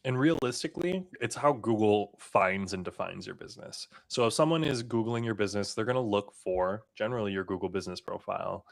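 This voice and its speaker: A man's voice: on the low side, fairly quick, vocal fry, few pauses. A man hosting a casual marketing podcast, joking and emphatic as he talks. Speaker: podcast host.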